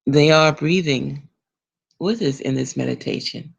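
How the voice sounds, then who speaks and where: A woman reverend hosting a spiritual broadcast, talking in a gentle, smiling, meditative way. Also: low voice, a little slow, gravelly, breathy edge. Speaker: reverend and host of a spiritual program. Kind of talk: slow spiritual broadcast talk.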